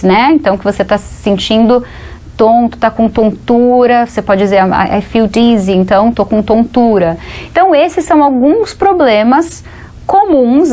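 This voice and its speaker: A Brazilian woman teaching an English lesson on TV, slowing down to model English words carefully. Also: on the high side, darkish tone. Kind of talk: TV English lesson for Portuguese speakers.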